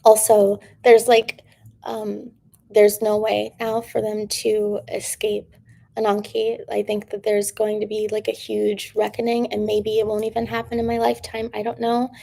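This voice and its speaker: A woman's voice: medium pitch, monotone, unhurried, vocal fry, warm tone. A woman hosting a casual livestream, rambling with lots of fillers and drifting into whispers, her throat strained from talking. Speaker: livestream host.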